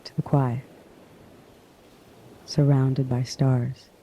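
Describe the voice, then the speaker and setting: A man narrating a guided sleep hypnosis in a hushed, soothing manner, in drawn-out phrases with long pauses. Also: medium pitch, flat delivery, a little hiss or hum.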